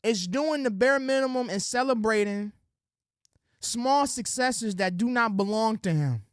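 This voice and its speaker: A man's voice: high voice, unhurried, clear, resonant tone, no room sound, studio quality. Slangy man preaching civic duty. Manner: preachy, street slang, addresses audience as ladies and gentlemen; drops into soft sweet-talk voice when acting out quotes. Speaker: political commentary host. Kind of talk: direct-to-camera political monologue.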